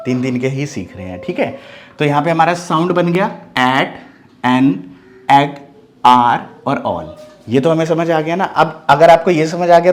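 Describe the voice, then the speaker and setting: A man teaching English phonics, spelling each word letter by letter and repeating it, asking the class questions and answering them himself. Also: mid-range voice. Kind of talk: phonics lesson.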